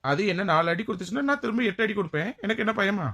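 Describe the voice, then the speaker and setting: A woman playing a feisty, quick-tempered village woman in a skit. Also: mid-range voice, lively intonation, creaky, fairly bright tone. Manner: brash, bossy.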